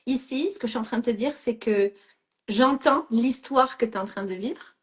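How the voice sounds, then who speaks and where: Woman coach, middle-aged, raised pitch; directive, frequent check-ins, code-switches into English. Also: moderate pace. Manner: mixes English phrases into French. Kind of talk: live coaching session.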